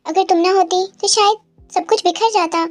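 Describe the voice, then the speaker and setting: A woman's voice: very high-pitched, fairly even intonation, moderate pace. A woman reading a fan audio story aloud, voicing every part with emotion. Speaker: story narrator.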